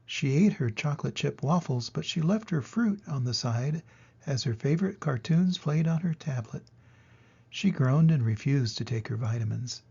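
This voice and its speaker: Older male storyteller, grandpa voice: gravelly, warm dark tone, expressive children's book reading. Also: medium pitch, normal speed, highs cut off. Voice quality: gravelly, husky. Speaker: storybook reader. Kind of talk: children's storybook narration, read aloud.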